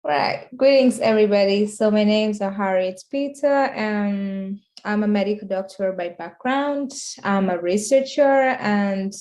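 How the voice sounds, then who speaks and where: A woman's voice: medium pitch, a little slow, few pauses, a little mellow. Young woman from Tanzania on a video call. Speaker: panelist, medical doctor. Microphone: laptop webcam video call.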